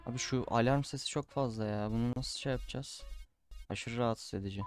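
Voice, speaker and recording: A man's voice: mid-range voice, brisk, soft background music. A man doing casual gameplay commentary, chatting to viewers and often getting frustrated. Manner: chatty, frustrated outbursts, calls the audience "abi". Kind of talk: casual Let's Play commentary.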